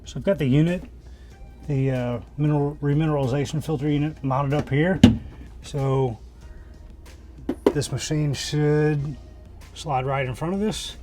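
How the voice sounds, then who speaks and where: A man's voice: a little high, fairly even intonation, measured pace, long pauses, over music. Man talking through a DIY install inside camper. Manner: plain-spoken, thinking aloud as he works. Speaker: DIY RV vlogger. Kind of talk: hands-on installation tutorial, casual narration. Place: inside a camper, small indoor space.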